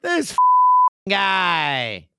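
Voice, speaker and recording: This podcast host has a high, clear, resonant voice and speaks very slowly, with no echo. Indoors at a microphone in a room with a video setup, he reads listener emails and tells jokey, rambling stories in an animated, casual chat.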